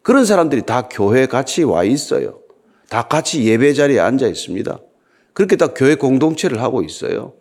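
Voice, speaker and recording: Animated older male pastor preaching. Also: medium pitch, fairly quick. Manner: conversational preaching with rhetorical questions to the congregation. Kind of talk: sermon.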